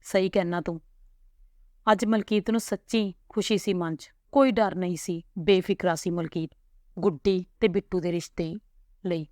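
A woman with a low, steady voice reads a family story aloud, calm and unhurried. The recording is close and dry, with no room around it. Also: no room sound. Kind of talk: storytelling narration.

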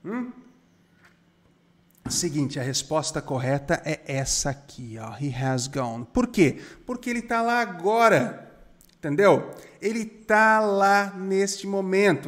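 Lively teacher explaining grammar. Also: male voice, fairly high pitch. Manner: lively, emphatic, asks the viewer questions often. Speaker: English teacher. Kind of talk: casual spoken grammar lesson.

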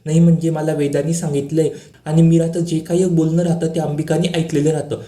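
A man's voice: on the high side, flat delivery, a little fast, dark tone. A man casually recapping the latest episode of a TV serial, often turning to address the viewers and repeating stock words. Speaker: TV serial update narrator. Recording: roomy echo.

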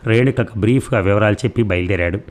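Calm male audiobook narrator. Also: lowish voice, quick pace. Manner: calm, even storytelling. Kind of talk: novel narration.

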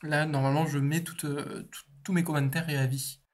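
A man's voice: fairly high pitch, flat delivery, a little fast. A young man, an author, answering interview questions in a casual, chatty way, with frequent fillers and the odd swear.

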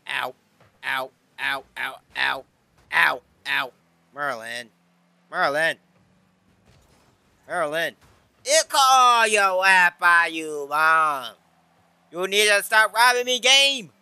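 Talking slowly with frequent pauses, this young gaming YouTuber has a rather high, expressive voice with vocal fry, pushed and bright but clean, with no echo. Indoors in his bedroom on a headset mic, he delivers hyped, playful game commentary and an outro, joking about his singing.

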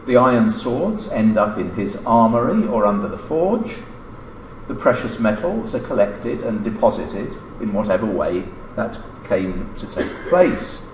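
With a lowish voice and a slightly slow pace, a man lectures in animated tones, reading a formal scripted paper at a lectern. The indoor lecture room lends the audio a roomy echo, and background noise is audible.

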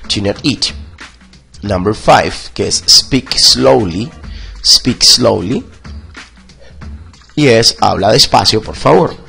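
A man teaching English vocabulary in Spanish. He says each classroom phrase slowly, repeats it, and then translates it. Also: fairly low pitch, vocal fry, fairly bright tone. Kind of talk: bilingual vocabulary lesson.

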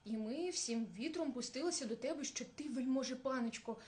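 A woman's voice: high-pitched, brisk, a little mellow, close to an everyday voice. A woman voicing a small, clever hare who speaks as politely as he can. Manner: polite, pleading.

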